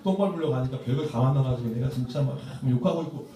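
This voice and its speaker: A sulky middle-school boy mutters and grumbles, as a preacher puts him on, fed up with his bad luck. The voice is dark and soft-edged. It echoes through a large church hall, picked up from well away from the mic. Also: mid-range voice, fast, far from the mic, natural voice.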